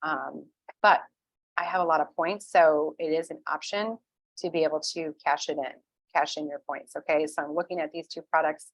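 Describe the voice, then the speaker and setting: A woman's voice: deep voice, fairly even intonation, normal speed, low-quality recording. A woman walking viewers through an online order in a chatty screen-share tutorial, with many "ums" and frequent "okay?" check-ins. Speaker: essential oil wellness advocate.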